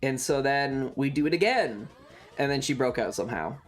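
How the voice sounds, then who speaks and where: Soft music plays behind a streamer who rambles through a casual story on his livestream, swearing in exasperation and acting out dialogue. His mid-range voice is animated and moderately paced.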